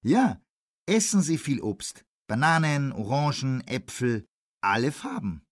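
A man acting a cheerful, fit man giving health tips in a scripted language-lesson dialogue, phrasing slowly and clearly. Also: medium pitch, sing-song, dry recording, clean studio sound. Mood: upbeat. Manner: slow, clearly spaced phrasing.

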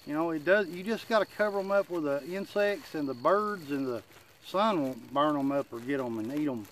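A man's voice: on the high side, lively intonation, normal speed, a bit bright. A middle-aged man chats casually in plain, self-deprecating country talk, slightly muffled by a dip in his lip, giving folksy advice to a camera outdoors. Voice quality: slightly muffled speech from chewing tobacco in the lip. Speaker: gardening channel host. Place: outdoors in a wooded yard. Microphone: camera a few feet away. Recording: outdoor insect and nature noise.

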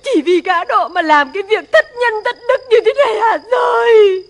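An actress playing the desperate wife of a gambler who laments loudly over her husband and son, in an old film. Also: high voice, normal speed, natural voice. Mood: wailing. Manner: wailing, lamenting. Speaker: wife and mother.

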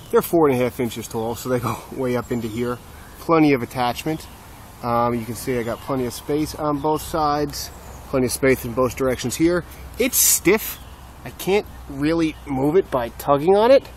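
A man's voice: medium pitch, a little hiss or hum. A man casually explaining his building work step by step, with a self-deprecating streak. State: slightly out of breath. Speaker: DIY builder. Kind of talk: casual how-to narration.

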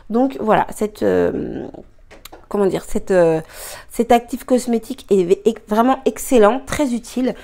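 Cooking in her own kitchen, a young cooking and beauty vlogger walks casually through a recipe in a mellow, slightly high voice at an unhurried pace. A little tired, she hesitates, uses plenty of fillers and apologizes often.

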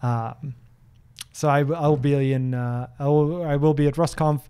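His voice is fairly high, clear, warm and resonant, with fairly even intonation and an unhurried pace. He's a Norwegian man in his thirties speaking English as a second language, hosting a casual livestream Q&A from his home office where he reads viewer questions aloud and answers chattily, with many ums and restarts, into a close desk broadcast mic.

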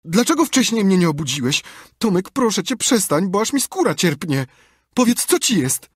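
A man voicing a frightened young boy who pleads in a shrill, alarmed voice, read in an audiobook. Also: very animated, moderate pace, husky, no echo, studio quality, exaggerated voice.

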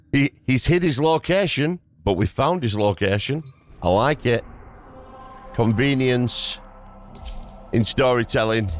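This man's mid-range voice is animated, yet he speaks slowly and leaves long pauses. As a gaming YouTuber, he gives lighthearted gameplay commentary full of exclamations and mild swear substitutes, with game music in the background.

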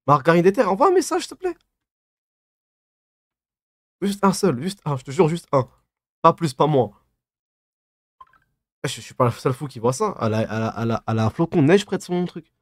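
This young man in his twenties lisps his s sounds while casually joking with his livestream chat, reading comments aloud and replying in slangy, teasing banter. He's at a desk in a small, dim room, his mid-range voice captured with clean studio sound and no room sound.

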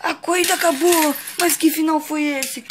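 A cartoon car-race commentator, played by a woman, calling the action in sports commentary style. The voice is high and the homemade recording has clear noise. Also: fairly even intonation, normal speed, lightly acted. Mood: excited. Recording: noisy home recording with clicks.

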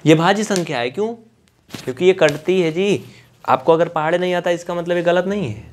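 An Indian man with a high voice teaches a maths lesson online in a chatty, coaxing way. He repeats points slowly and slips in English textbook terms, and there's a little hiss or hum on the recording.

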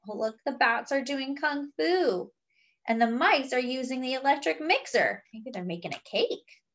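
A woman reads a picture book aloud to young children, stretching out her words expressively and adding chatty asides. Her voice sits high.

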